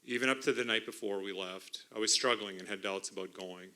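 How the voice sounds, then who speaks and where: A middle-aged man giving an emotional church testimony about a mission trip, partly reading from notes, earnest and halting with restarts. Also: on the low side, bright, forceful tone. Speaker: mission trip team member sharing testimony. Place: church sanctuary.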